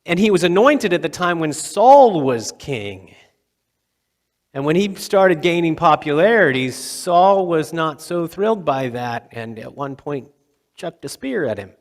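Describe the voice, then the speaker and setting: Male pastor, slightly high voice, conversational sermon with long pauses, long hall reverb. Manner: conversational, dramatic pauses, acts out quotes. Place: church sanctuary.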